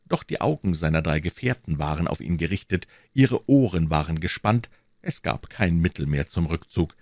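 Expressive low-voiced male audiobook reader. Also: moderate pace, no echo, clean studio sound. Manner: expressive classic reading. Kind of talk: scripted narration.

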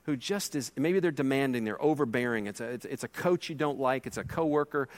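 A middle-aged man preaching a sermon as pastor, emphatic and swinging between loud and hushed delivery. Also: mid-range voice, expressive, a little fast.

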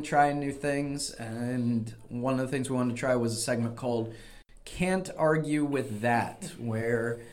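A man's voice: mid-range voice, darkish tone. Man explaining things on a conversational podcast. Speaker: podcast host and debate coach.

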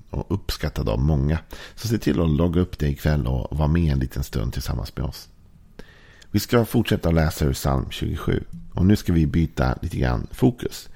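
A man with a very deep voice and a gravelly edge leads a devotional podcast. His tone is mellow and dark, and he moves at an unhurried, reflective pace. He lingers over each line when he reads scripture. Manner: calm, reflective, unhurried, slows down for scripture verses. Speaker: church devotional speaker.

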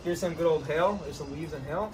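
A man hosting a casual outdoor chat, giving energetic, joking fitness advice beside an ice bath. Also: fairly high pitch, a little fast, recorded from a distance, rough recording. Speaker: host, trainer.

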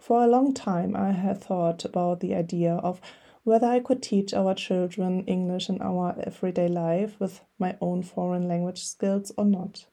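This podcast host is a middle-aged woman from Germany whose German accent colors her earnest, encouraging scripted reading. She has a lowish, gravelly yet mellow voice, a steady tone, and a moderate pace.

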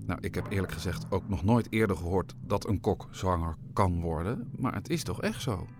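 A male narrator reading a storybook aloud in a playful, expressive way. His pitch rises and falls a lot, and faint noise sits under the recording. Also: moderate pace.

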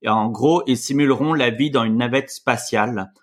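A man's voice: medium pitch, moderate pace. A man co-hosting a podcast, reading news items with frequent hesitations. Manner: reads news items with fillers. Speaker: podcast co-host. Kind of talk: casual podcast news chat.

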